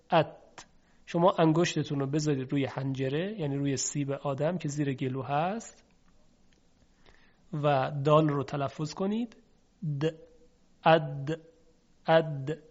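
A man's voice: on the high side, a little mellow. A male teacher giving a recitation lesson, patiently explaining and sounding out letters to demonstrate. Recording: dull lo-fi recording.

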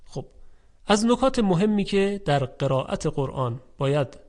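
Male Quran recitation teacher, slightly high pitch, calm explainer who recites his examples slowly. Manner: explains calmly, then recites example words slowly and loudly; often asks and answers his own questions. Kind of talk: tajwid lesson lecture.

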